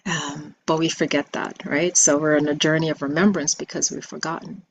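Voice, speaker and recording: A woman giving a spiritual message video, soft-spoken and reflective, with many pauses and ums. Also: low-pitched, little pitch movement, lo-fi sound, slight background noise. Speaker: spiritual teacher.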